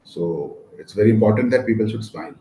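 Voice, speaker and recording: Fast and animated, this man's fairly low, warm voice carries rambling, filler-heavy answers in a casual interview. He's a real estate lawyer in his fifties from West Bengal, India, speaking Indian-accented English with Maithili as his first language. The room echoes, with faint noise.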